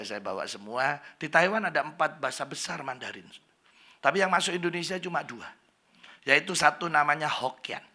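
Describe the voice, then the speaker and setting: A middle-aged pastor with a Javanese accent delivers a joking, chatty sermon and keeps putting questions to his congregation. His voice sits high for a man and has a gravelly fry running through it. The tone is very bright and sharp. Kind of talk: humorous church sermon.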